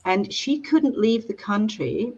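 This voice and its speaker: A Scottish woman, an author, talking in a chatty, animated way on a video call interview. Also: fairly high pitch, slow, breathy edge, lo-fi sound.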